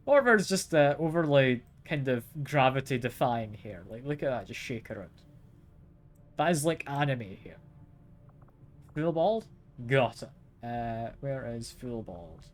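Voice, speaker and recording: A man hosting a live game stream, chatting casually with his viewers. He keeps asking them questions and chuckles often, his voice at an average, middle pitch. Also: lively intonation, slow pace, long pauses. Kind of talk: casual live gameplay chat.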